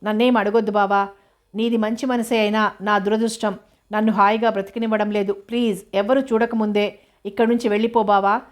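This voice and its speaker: A woman's voice: medium pitch, level tone, brisk, natural voice. A woman voicing a tearful but defiant young woman pleading with her family, in a novel reading. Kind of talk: audiobook character reading.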